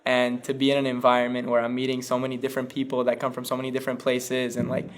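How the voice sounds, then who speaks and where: A man's voice: medium pitch, monotone, quick pace. A young man from Colombia talking casually in an interview, with many fillers. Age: young adult. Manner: casual, filler-heavy, upbeat. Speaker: student in the program. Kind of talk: interview testimonial.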